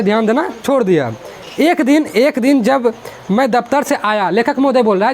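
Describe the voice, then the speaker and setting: A man's voice: very high voice, a little hiss or hum. A male teacher explains a school literature chapter in a chatty, repetitive way, mixing in English words.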